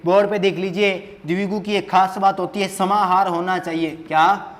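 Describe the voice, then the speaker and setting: A man's voice: high-pitched, flat delivery, normal speed, a bit bright. A man teaching Hindi grammar at a board, asking questions and answering them himself, repeating key words with emphasis, in an echoey classroom.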